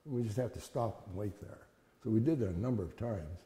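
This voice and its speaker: An older man telling childhood memories in a plain-spoken, folksy, halting interview style. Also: fairly low pitch, animated, mellow. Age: older, 70s or above. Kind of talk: conversational oral-history storytelling. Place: reverberant indoor room. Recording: echoey room with long reverb.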